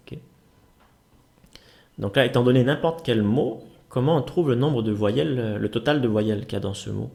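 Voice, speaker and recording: A man's voice: mid-range voice, a little mellow. Male teacher explaining code exercises, thinks aloud with fillers and restarts.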